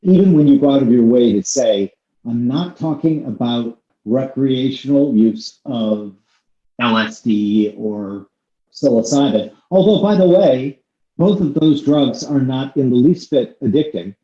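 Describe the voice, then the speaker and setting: A man's voice: medium pitch, expressive, measured pace, dark tone. A man hosting a podcast interview, talking in long, discursive turns with swings of emphasis. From United States. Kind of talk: conversational interview. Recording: echoey room, slightly dull sound.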